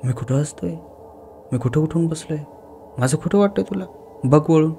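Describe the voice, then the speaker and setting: A man's voice: a little high, moderate pace, gravelly, mellow, a little hiss or hum, pitched above the performer's own voice. A man voicing a puzzled, irritated young husband in a spoken horror story, talking insistently. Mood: exasperated.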